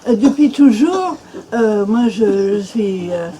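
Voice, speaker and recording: An older woman from Minnesota speaking French, a native English speaker who talks haltingly with many restarts and fillers, as a guest on a bookshop panel. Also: mid-range voice, expressive, warm tone, a little hiss or hum, poor audio. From Minnesota, USA. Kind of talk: panel discussion. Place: bookshop event room.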